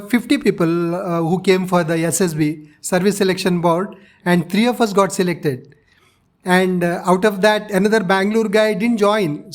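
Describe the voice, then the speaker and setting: A man in his sixties speaks with a South Indian accent in a notably high-pitched voice. He answers as an interviewee, laying out his experiences step by step in a measured, explanatory manner. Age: 60s. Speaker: interviewee, retired navy officer. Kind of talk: interview, recounting personal experience.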